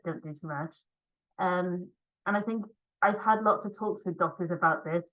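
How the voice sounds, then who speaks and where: A woman's voice: lowish voice, highs cut off. A woman from Cardiff with a slight Welsh accent, giving a conference talk over a video call in a conversational way with frequent ums. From Wales. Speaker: physiotherapist and para rower presenting online.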